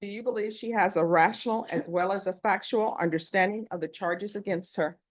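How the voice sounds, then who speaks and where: A woman judge reading formal plea questions in a brisk, set manner, heard on a courtroom recording. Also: medium pitch, rough recording.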